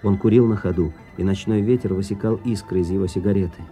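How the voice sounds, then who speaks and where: An actor plays a reflective soldier narrating an army drama. His lowish male voice tells the scripted story over clearly audible music. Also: steady tone, fast talker, mellow, lightly acted. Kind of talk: scripted first-person narration.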